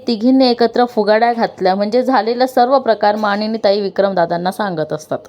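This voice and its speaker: A woman's voice: mid-range voice, fairly quick, darkish tone. Woman narrating a serial recap. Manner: plain storytelling narration. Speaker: TV serial reviewer. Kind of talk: voice-over episode recap.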